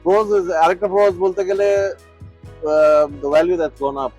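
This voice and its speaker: Man, Bangladeshi accent, high-pitched voice, enthusiastic car owner, opinionated casual chat, music underneath. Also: very fast, a little mellow. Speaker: car owner being interviewed. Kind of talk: casual car chat, mixing Bengali and English.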